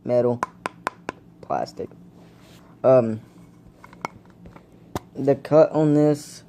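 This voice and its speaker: A young man speaks extremely slowly in a mellow, medium-pitched voice, and a little hiss or hum runs through the audio. He's at home indoors, camera propped on a blanket, casually vlogging a dip tobacco review. He rambles in a laid-back way to viewers while he has the hiccups.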